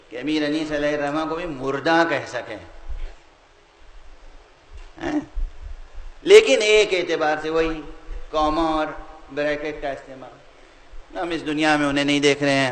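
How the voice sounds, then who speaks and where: A man preaching a sermon, posing questions to his listeners and building slowly to loud, drawn-out emphatic peaks. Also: a little high, poor audio. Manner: slows and rises to loud emphatic peaks, rhetorical questions to the audience. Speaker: religious scholar.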